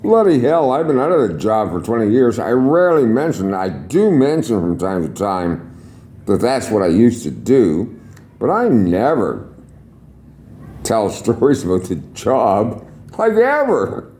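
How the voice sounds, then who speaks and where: An older man recounts an old story straight to camera, cursing casually and chuckling as he goes. His voice sits low and mellow. It rises and dips widely as he tells it. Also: unhurried. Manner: salty, swears freely, chuckles, lively storyteller. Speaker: retired air traffic controller.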